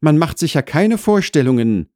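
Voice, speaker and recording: A man's voice: on the high side, big pitch swings, normal speed, a little mellow, dry recording, studio quality, voice pushed up. A man voicing an eager, polite, somewhat awkward young student in a comic audiobook.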